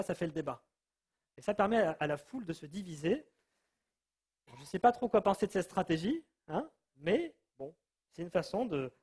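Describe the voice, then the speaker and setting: A man with a fairly high, husky voice teaches from the Bible in a relaxed, chatty way. He tells the passage like a story and acts out each person's lines in turn. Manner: lively storytelling, acting out quoted lines. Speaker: preacher.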